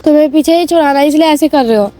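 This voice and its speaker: A woman's voice: high voice, racing, mellow, soft background music, rough recording. A young woman arguing insistently with a friend, accusing him of wanting to leave her behind. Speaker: prank target, friend. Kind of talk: casual heated argument.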